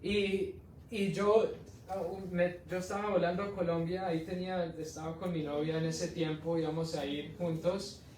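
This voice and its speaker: A man, an evangelist, giving an animated testimony sermon full of storytelling and laughs in a church hall. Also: high voice, normal speed, slight background noise. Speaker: evangelist preacher. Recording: echoey hall from far off.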